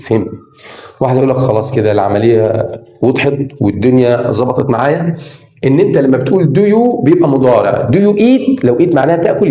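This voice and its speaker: A man with an Egyptian Arabic accent gives a spoken English grammar lesson in a fairly high, mellow voice. He teaches with lively emphasis and stretches words to make a point. The sound is echoey, as if from a roomy space. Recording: echoey room.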